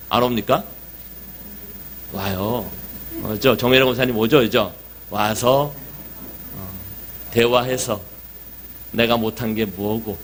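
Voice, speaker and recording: Middle-aged guy preaching in church, chatty, keeps asking the room questions, mid pitch. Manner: conversational preaching with rhetorical questions to the congregation. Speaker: pastor. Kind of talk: sermon. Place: church sanctuary.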